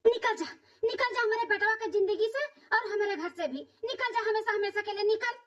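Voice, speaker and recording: A woman's voice: very high-pitched, a bit bright. A woman voicing a stern village mother-in-law in a cartoon comedy, scolding her daughter-in-law in an Awadhi accent. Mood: fed up. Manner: nagging, rapid dialect scolding. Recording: distant, dull lo-fi recording.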